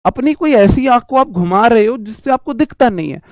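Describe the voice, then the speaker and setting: A man's voice: extremely high pitch, expressive, fairly quick, no room sound, clean studio sound. Chatty Indian man teaching idioms. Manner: chatty, addresses students as bhai and ji, repeats phrases. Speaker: English teacher. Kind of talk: casual Hindi vocabulary lesson.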